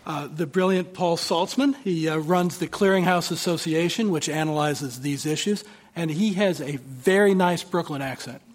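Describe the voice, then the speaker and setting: Male panelist, fairly high pitch, casual and self-deprecating stage banter. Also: moderate pace, slight background noise. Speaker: debater, economics fellow.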